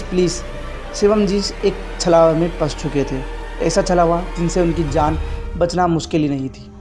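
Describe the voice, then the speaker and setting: A man's voice: a little high, warm tone. A man casually narrating a horror story in a conversational way, with restarts and repetitions.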